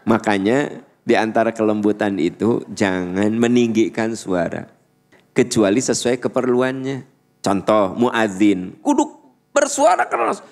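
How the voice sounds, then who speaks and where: A middle-aged man with a Sundanese accent giving a sermon, humorous, often mimicking shouted voices. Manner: humorous, acts out high-pitched shouting voices. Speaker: preacher.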